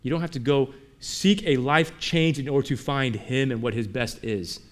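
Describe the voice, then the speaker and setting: A male pastor preaches a sermon conversationally, alternating between emphatic lines and quiet ones and often posing rhetorical questions to his listeners. His pitch is medium and his speed normal.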